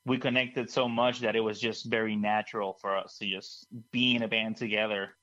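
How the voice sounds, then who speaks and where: A man's voice: fairly low pitch, level tone, moderate pace, pushed and bright. A man from Puerto Rico, a band singer and producer, answering casually, repeating words as he searches for them, on a dull lo-fi call line.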